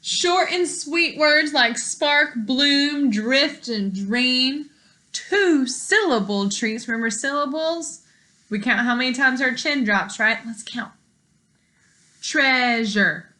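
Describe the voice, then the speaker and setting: Here a woman with a high-sitting voice shares a picture book with young listeners, expressive and teacherly throughout. She pauses to explain what words mean and to ask the kids questions.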